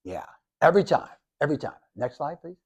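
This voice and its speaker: A man in his seventies, a professor giving a lively, jokey classroom lecture to students, with many restarts. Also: fairly high pitch, fast, husky. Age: 70s. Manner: animated, jokey, talks to the audience, restarts often. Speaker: professor and speaker.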